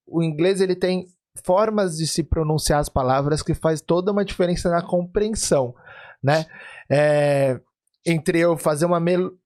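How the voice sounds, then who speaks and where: A man's voice: fairly high pitch, darkish tone. A man hosting a podcast, chatting casually with his guest and often trailing off to restart his thoughts. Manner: thinks aloud, many restarts and "né?" checks. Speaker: podcast host. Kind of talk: casual interview chat.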